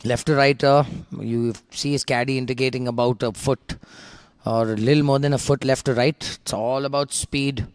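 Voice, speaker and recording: A man with a medium-pitched voice works as a golf commentator. He talks through play and putts live, in a conversational style. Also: fairly even intonation, normal speed, smooth, dry recording.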